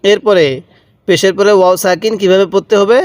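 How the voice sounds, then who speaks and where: Speaking high with little movement in pitch, a man patiently walks through Quran letter reading in a step-by-step recitation lesson. He repeats himself and lengthens each syllable, captured in a dry, studio-quality recording.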